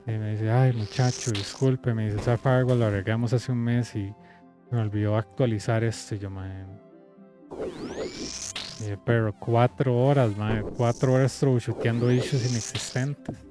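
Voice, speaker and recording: A man's voice: medium pitch, moderate pace. A young man with a Costa Rican accent casually telling a work story while playing a game, acting out the people he quotes. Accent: Costa Rican Spanish. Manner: animated, acts out quoted people in conversation. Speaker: game coach streaming gameplay. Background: game music.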